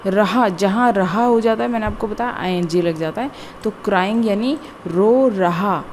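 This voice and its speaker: A woman teaching a grammar lesson, explaining slowly and deliberately word by word, with frequent repetition. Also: mid-range voice, darkish tone, slight background noise. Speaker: English teacher. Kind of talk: classroom-style grammar lesson.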